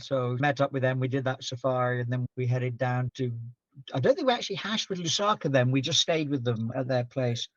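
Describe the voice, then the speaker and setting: A man's voice: medium pitch, no room sound. Middle-aged male guest, easygoing rambling raconteur, recorded dry and muffled. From Zambia-born, raised in Scotland. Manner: rambling anecdotes with frequent laughs. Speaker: podcast guest. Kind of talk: relaxed storytelling interview. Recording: dull, muffled sound.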